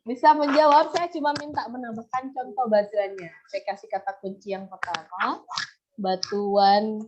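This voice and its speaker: Woman lecturer, video-call class, high and unhurried, patient and lightly teasing, muffled line. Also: fairly even intonation. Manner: patient, chatty, gently teasing. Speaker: university lecturer. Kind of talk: online class discussion. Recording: muffled video-call audio, faint noise.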